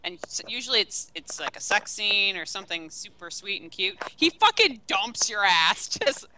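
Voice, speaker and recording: A woman co-hosting a casual game discussion, animated and profane, acting out scenes. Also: mid-range voice, normal speed, a little hiss or hum, poor audio.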